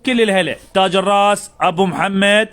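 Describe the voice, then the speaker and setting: Higher-pitched Iraqi man selling on livestream. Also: a little fast, a bit bright. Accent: Iraqi Arabic. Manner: effusive greetings, repetitive patter. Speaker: live-stream seller of bale goods and home textiles. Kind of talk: live sales pitch with casual banter, greeting viewers.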